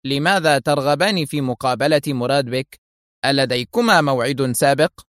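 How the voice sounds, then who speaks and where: A man's voice: fairly high pitch, animated, normal speed, a bit bright, dry recording, pitched above the performer's own voice. A narrator puts on a scheming office manager, raised a little above his plain voice and courteous on the surface with a sneer underneath. It is read close and dry, like an audiobook character. The menace sits behind good manners. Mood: polite. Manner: smooth and courteous, then sneering.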